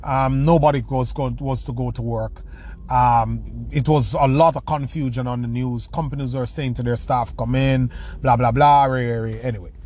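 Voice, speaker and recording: Speaking at normal speed in a steady, slightly mellow mid-range voice, a motivational speaker from rural Jamaica answers a question by telling stories. His Jamaican accent is clear, and he frequently restarts and repeats himself.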